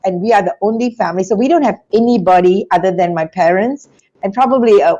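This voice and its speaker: This middle-aged woman from Singapore, a business school founder, narrates her life as a video-call interview guest, using a lapel mic in a small room. Her mid-range voice moves fast, the highs are cut off, and she tells her story with lively hand gestures.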